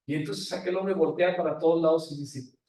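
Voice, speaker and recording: High-voiced preacher in an echoey hall. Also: male voice, steady tone, a little fast, mellow, recorded from a distance. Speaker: pastor. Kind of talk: sermon. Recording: very echoey room, voice from afar.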